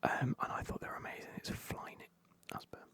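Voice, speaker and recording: A man's voice: quick pace, dry recording. British man whispering a casual ASMR unboxing. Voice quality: breathy, unvoiced whisper. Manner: casual, chatty, hushed. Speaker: ASMR video host.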